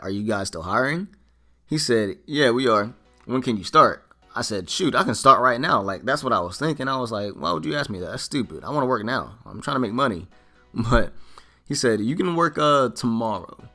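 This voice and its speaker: A young man in his late teens or early twenties, a vlogger telling a story casually and acting out what people said. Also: mid-range voice. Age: young adult. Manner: animated, quoting himself and others in dialogue.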